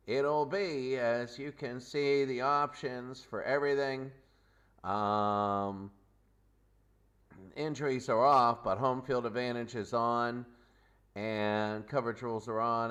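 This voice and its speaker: A man with a smooth, mid-range, fairly bright voice hosts a hobby football game. He explains the rules, then calls the plays like an old-time radio announcer.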